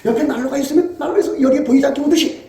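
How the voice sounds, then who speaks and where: A man's voice: extremely high pitch, racing, warm tone, echoey room. A man preaching a sermon in an emphatic, scolding way, acting out quotes as he goes. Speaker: pastor.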